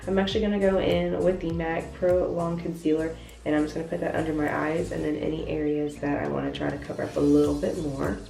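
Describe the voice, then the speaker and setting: A young beauty vlogger, congested and stuffy so her voice sits lower than usual, chats casually through a makeup tutorial. She explains each step self-deprecatingly at a quick pace in a level, gravelly, dark-toned voice. She's in a hotel bathroom, recorded off-mic with echo and faint music.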